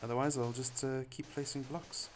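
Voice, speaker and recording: A man's voice: mid-range voice, flat delivery, normal speed, slight background noise. A man chatting casually on a live stream while he builds in a game, rambling and laughing often.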